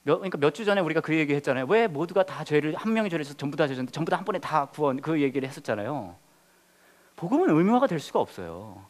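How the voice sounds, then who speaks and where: A man's voice: on the high side, rapid-fire. A man, a pastor, leading a Bible study lesson, asking his listeners questions and joking with them. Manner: lively teacher, quizzes the group, jokes.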